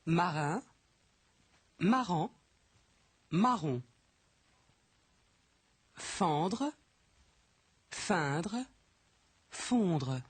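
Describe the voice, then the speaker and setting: A woman reading French pronunciation drills slowly, with deliberate, careful enunciation, in a dry studio recording. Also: lowish voice, big pitch swings, husky, no room sound. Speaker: language course speaker. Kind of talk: slow, clearly read pronunciation drill.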